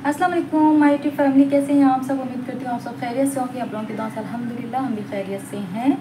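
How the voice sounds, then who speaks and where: A woman's voice: sits high, fairly even intonation, fast talker, background noise. A young woman narrating a casual home vlog, chatty and homely, talking straight to her viewers. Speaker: vlogger.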